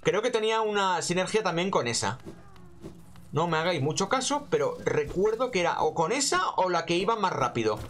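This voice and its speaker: Animated, sweary Spanish man gaming. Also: sits high, fairly quick, faint music behind. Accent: Spain. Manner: sweary, slangy, rambling. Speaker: gaming host. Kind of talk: casual gameplay commentary.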